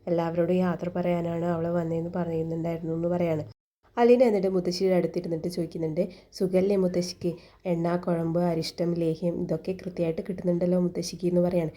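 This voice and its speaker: A woman's voice: lowish voice, flat delivery, fast talker, dark tone. A woman casually retelling a TV serial episode scene by scene, quoting each character's lines and tagging them with who said what. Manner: retells dialogue with "she says" tags and fillers.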